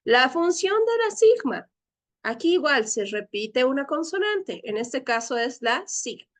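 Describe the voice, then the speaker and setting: A woman's voice: sits high, big pitch swings, measured pace. A woman teacher leading a Greek class, explaining patiently step by step and often checking with her students. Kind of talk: online class lecture.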